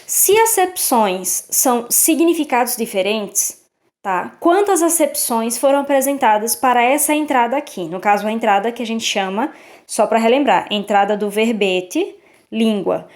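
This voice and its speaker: A woman teacher goes through textbook exercises step by step. Her voice sits a little high, and she often pauses to check in with her students. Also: expressive, a little mellow. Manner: patient, checks in with "tá?" and "certo?". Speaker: Portuguese teacher.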